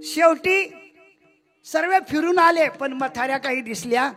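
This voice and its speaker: A man preaching a devotional storytelling sermon, lively and full of rhetorical questions to the audience. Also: very high voice, measured pace, faint music behind. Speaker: kirtan preacher.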